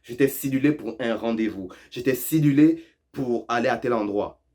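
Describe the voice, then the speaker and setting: A man hosts a casual video lesson on local expressions. He teases his viewers, laughs often and repeats phrases for effect. His voice sits at an ordinary middle pitch. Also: moderate pace, a little mellow. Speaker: YouTube host explaining Quebec French expressions.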